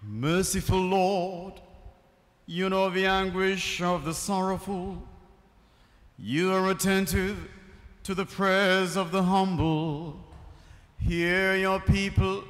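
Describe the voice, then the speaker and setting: A man leading funeral committal prayers as a priest, in slow, measured liturgical recitation. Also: high voice, a bit bright. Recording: reverberant space with faint music.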